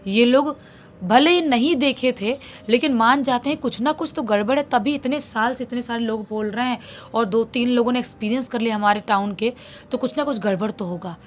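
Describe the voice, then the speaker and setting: A woman telling a horror story in a relaxed, conversational way for a storytelling channel. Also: on the high side, a little fast, slight background noise. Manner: conversational, relaxed retelling with acted quotes. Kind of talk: casual spoken horror storytelling.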